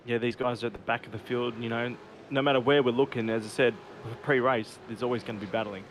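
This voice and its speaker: A man's voice: mid-range voice, fairly even intonation, fast talker. A man giving casual motorsport commentary as co-commentator on a sim race. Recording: constant car engine noise. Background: race cars and engine noise.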